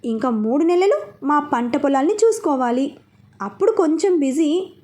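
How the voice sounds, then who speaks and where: A proud, idle middle-aged uncle brags at length in a high, lively voice, as a woman reads him. He is a comic storybook figure who loves to show off. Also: moderate pace. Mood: boastful. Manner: boastful.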